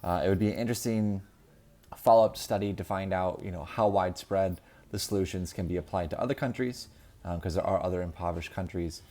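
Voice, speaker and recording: A man's voice: deep voice, quick pace, a little mellow. A man in his thirties giving a casual, unscripted book review, with many ums and restarts. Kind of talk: casual solo video review.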